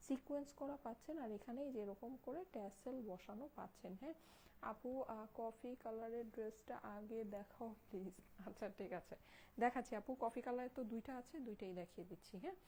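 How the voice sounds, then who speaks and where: A young woman with a Bangladeshi Bengali accent hosts a live clothing sale in a hushed voice, careful not to wake her sleeping child. Her tone is mellow and warm. She keeps repeating her praise and checking in with the listeners, over a faint background hum. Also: a little high, quick pace, low-quality recording. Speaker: online clothing seller. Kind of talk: Facebook live sales pitch.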